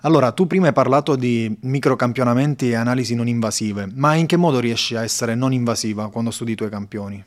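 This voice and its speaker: A man's voice: mid-range voice, fast, hardly any pauses. A man hosting an interview, asking polite, structured questions. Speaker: host, interviewer.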